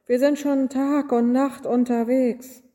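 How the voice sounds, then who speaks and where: Woman reading as worn-out travellers, polite and tired, slightly higher voice, echoing hall. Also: little pitch movement, slow, dark tone. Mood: weary pleading. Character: weary traveling couple asking for shelter.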